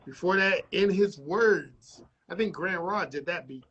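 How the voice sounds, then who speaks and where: A man's voice: high voice, measured pace, fairly bright tone, breathy edge. A man hosting a casual radio interview, loose and joking. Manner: loose, joking, rambling with cursing. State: frog in his throat. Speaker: radio host and DJ. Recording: muffled livestream audio.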